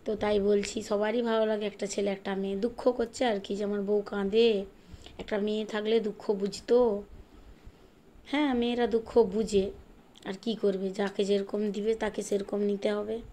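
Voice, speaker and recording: A middle-aged woman from Bengal chatting in a rambling way while she bakes in her home kitchen, sometimes speaking softly. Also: mid-range voice. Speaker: home cooking vlogger. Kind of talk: casual chat while baking. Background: fan hum and rain outside.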